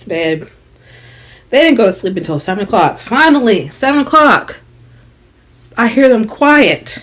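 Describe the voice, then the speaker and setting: A young woman vlogger telling a story in casual chat, slangy and animated, dropping to hushed asides and rising to loud exasperated bursts. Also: a little high, takes it slowly, pauses often.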